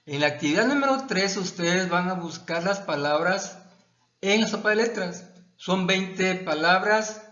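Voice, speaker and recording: A male Mexican history teacher explaining a textbook lesson to his students, pausing and restarting his phrases. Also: high-pitched, bright, forceful tone. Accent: Mexican Spanish. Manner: halting, repeats words and restarts, addresses students as "jóvenes". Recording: echoey, dull lo-fi room sound.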